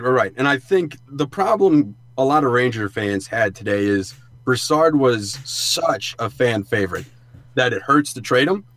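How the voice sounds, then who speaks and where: A man's voice: medium pitch, no room sound. A man co-hosting a sports podcast, explaining things in an informal, conversational way. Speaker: podcast co-host. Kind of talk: casual sports analysis chat. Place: sound booth in a studio.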